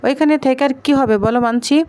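A woman's voice: sits high, quick pace, a little mellow, natural voice. Woman reading as a guarded young man.

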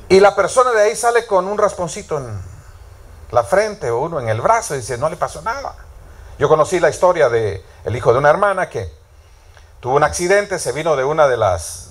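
A man preaching a sermon in a storytelling way, often asking the congregation questions. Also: mid-range voice. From Latin America.

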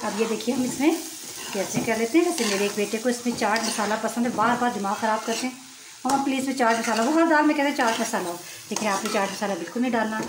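Standing at her home stove, this middle-aged woman explains her cooking step by step in a slightly high voice, moving quickly and tossing in casual remarks. Her phone camera hangs over the pot, catching echo and the sizzle of frying.

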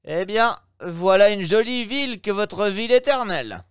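A man doing an impetuous young gentleman. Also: sits high, sing-song, moderate pace, smooth, no echo, studio quality, voice pushed up. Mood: lively. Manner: exclamatory, playful.

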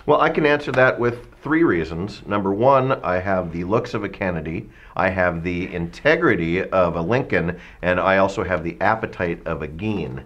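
A radio DJ in his fifties making absurd boasts with a deadpan delivery in a mock debate. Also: deep voice, normal speed, few pauses, highs cut off. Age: 50s.

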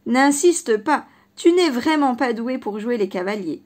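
A woman's voice: a little high, expressive, unhurried. A woman voicing a mischievous young male rabbit in a children's storybook, teasing and mocking.

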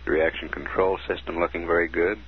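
A man giving formal, businesslike mission status announcements, reading out figures in a measured way, heard through a muffled radio transmission. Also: sits low, steady tone. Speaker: mission control commentator. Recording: dull 1969 archive broadcast, faint hiss.

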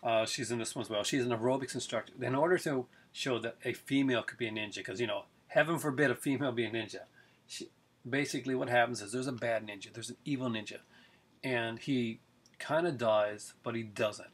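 Recording a casual video review in his living room, a middle-aged man enthuses about his film collection, rambling with lots of fillers. A close-range webcam picks up his medium-pitched, slightly rough voice, which moves fairly quickly.

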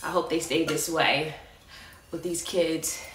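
In a carpeted living room, a thirty-something American vlogger does casual, chatty, playful unboxing commentary in a deep, steady voice at a slow pace. The camera stands a few meters away, so the room echoes and sounds distant, while handling creates loud clattering.

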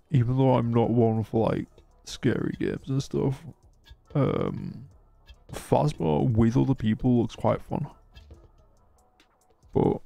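A man chatting casually while streaming a game, rambling and hesitant, with a croaky, sleepy voice. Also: mid-range voice, warm tone. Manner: rambling and hesitant, many restarts. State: sleepy, yawning. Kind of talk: casual live-stream chat.

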